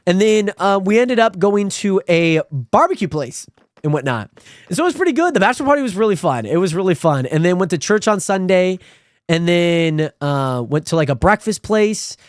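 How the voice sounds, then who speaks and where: Animated young man chatting on stream. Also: moderate pace, no room sound, studio quality. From Spokane, Washington. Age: 20s. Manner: rambling, friendly, animated with sudden high pitch jumps. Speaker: livestreamer. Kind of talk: casual stream chat reading viewer comments.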